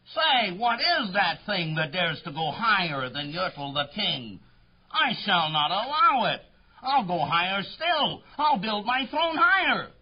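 A man's voice: high voice, sing-song, measured pace, breathy edge, lo-fi sound, exaggerated voice. A man playing a pompous, boastful turtle king in a children's story, grandiose, bellowing and imperious. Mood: indignant, defiant. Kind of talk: theatrical children's story acting.

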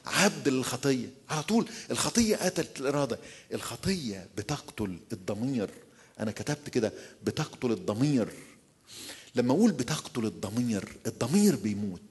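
A man with an Egyptian accent preaches at a quick clip. His voice is deeply husky and rough. He keeps repeating his key phrases and firing questions at the listeners. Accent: Egyptian Arabic. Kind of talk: sermon at a church retreat.

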